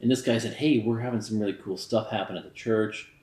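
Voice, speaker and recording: A man's voice: lowish voice, steady tone, fast, darkish tone. Tipsy man rambling in an echoey room. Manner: tipsy, loose rambling talk. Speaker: movie reviewer. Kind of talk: casual banter review. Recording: roomy, echoey sound.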